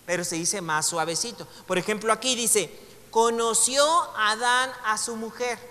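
A Mexican man with a high, bright voice teaches a relaxed Bible class. He chats with his students, jokes along the way and reads passages aloud. The sound carries a long reverb from a large room. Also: unhurried. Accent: Mexican Spanish. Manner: conversational, joking asides, reads passages aloud. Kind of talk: casual classroom lecture.

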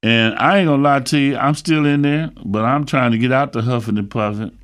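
Emphatic preacher man, mid-pitched voice. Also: brisk. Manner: repetitive, emphatic, asks listeners to repeat phrases; conversational with fillers and restarts. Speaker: apostle and prophet, show host. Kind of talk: recorded sermon teaching show.

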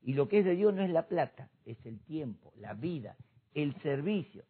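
Man, pastor, husky higher voice, fervent preaching, tinny phone-like sound. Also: sing-song, moderate pace. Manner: impassioned preaching, rising to shouts. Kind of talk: church discussion program.

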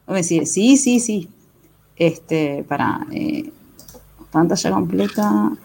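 A woman's voice: fairly low pitch, lively intonation, slow pace, gravelly, darkish tone. A woman hosting a podcast in casual, chatty talk with frequent fillers. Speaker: podcast host. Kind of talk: casual chat.

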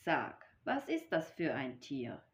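A woman's voice: a bass voice, big pitch swings, slow, pitched below the performer's own voice, full character voice. Woman putting on a sly coaxing fox. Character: sly friendly male fox. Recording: dull lo-fi recording.

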